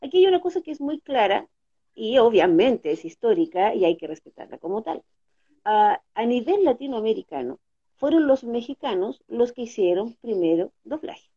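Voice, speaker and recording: Husky Chilean woman explaining with lively pitch. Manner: explanatory, checks in with "¿ya?" and "¿no es cierto?". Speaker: guest, dubbing actress and teacher. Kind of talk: interview. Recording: dull lo-fi audio.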